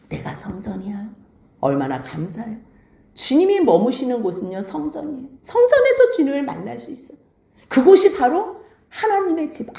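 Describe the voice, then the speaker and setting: A woman pastor preaching a sermon, swinging between soft hushed lines and emphatic high calls. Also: gravelly, echoey room.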